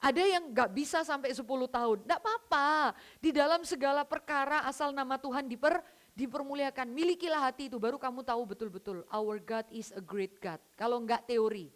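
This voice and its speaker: A woman preaching to a women's fellowship, telling stories with lively acted-out dialogue. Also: fairly quick. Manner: animated storytelling, acting out dialogue with many pitch jumps. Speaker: vicar preaching.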